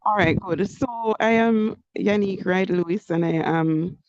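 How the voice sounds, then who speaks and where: A woman with a gravelly edge, speaking as a teacher to parents. Her voice comes through a muffled, lo-fi online group call and sounds dry and close. She praises warmly and drops "you know" into her sentences. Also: medium pitch, measured pace, no echo. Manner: warm praise, frequent "you know" fillers. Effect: online group call audio, connection breaking up. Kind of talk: update to parents in an online meeting. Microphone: computer or phone mic on a video call. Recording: muffled, lo-fi video call audio.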